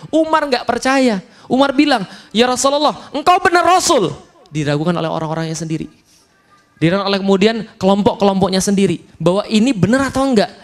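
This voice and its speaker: A man with an Indonesian accent preaching a lively, humorous sermon at a study gathering, acting out quotes dramatically. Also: very high voice. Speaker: Islamic preacher.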